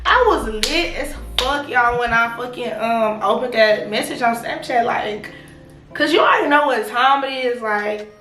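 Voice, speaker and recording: High-voiced young woman telling gossipy storytime, echoey. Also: moderate pace. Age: young adult. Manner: animated, slangy, confiding gossipy delivery. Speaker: storytime vlogger. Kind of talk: casual gossipy storytime chat. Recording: roomy echo, distant mic, music behind.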